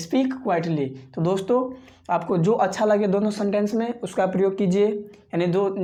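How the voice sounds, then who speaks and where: A man leads an online spoken English lesson in a mellow, warm voice. He drills each phrase again and again, slowly, as if for learners to repeat. He keeps calling the viewers his friends. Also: high-pitched. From Bihar, India. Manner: constantly addresses viewers as friends.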